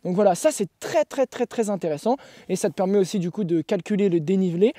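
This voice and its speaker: A man's voice: sits high, expressive, fast talker, warm tone, dry recording, clean studio sound. A man who coaches endurance sport, explaining gear in a blunt, laughing, casual podcast chat.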